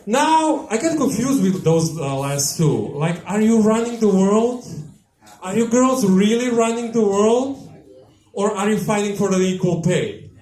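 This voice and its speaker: Deadpan Yugoslav-accented comic. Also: male voice, high voice, unhurried. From former Yugoslavia. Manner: deadpan, dry one-liners to a laughing crowd. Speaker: stand-up comedian. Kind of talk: live stand-up set. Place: small tavern stage, live audience. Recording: echoey live bar room.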